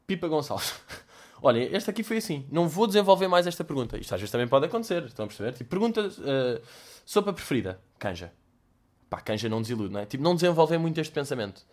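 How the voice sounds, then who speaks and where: A man's voice: mid-range voice, a little mellow. Slangy young man rambling. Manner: slangy, sweary, acts out mock dialogues. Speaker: host answering listener questions. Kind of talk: casual monologue.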